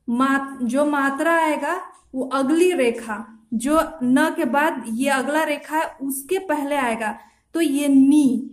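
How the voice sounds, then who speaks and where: A woman teaching shorthand step by step, slowly spelling out each stroke and repeating her examples. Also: high voice, reverberant. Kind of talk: slow step-by-step tutorial.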